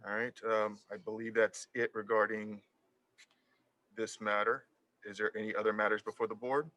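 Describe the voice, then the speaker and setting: Brisk man chairing a city board. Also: on the low side, little pitch movement, sharp tone. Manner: brisk, procedural, with fillers. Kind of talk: chairing a public meeting. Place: council chamber.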